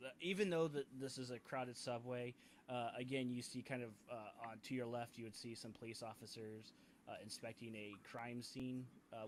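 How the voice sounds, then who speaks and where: A man runs a tabletop game, talking the players through the scene. He hesitates often and restarts his sentences as he goes. A faint noise sits under his voice. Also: mid-range voice. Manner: hesitant, many fillers and restarts. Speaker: game master.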